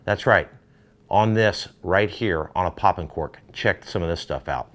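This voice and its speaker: A middle-aged man, hosting a fishing gear demo in an energetic, salesy way. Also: sits low, a little slow, slight background noise. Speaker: fishing show host. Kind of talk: product demo talk.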